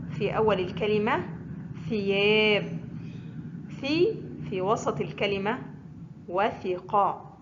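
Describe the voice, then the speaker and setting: Slow, careful woman teaching Arabic letters. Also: medium pitch, background noise. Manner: deliberate, drawn-out syllables repeated for learners. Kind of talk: slow scripted letter-pronunciation lesson. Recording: dull lo-fi audio.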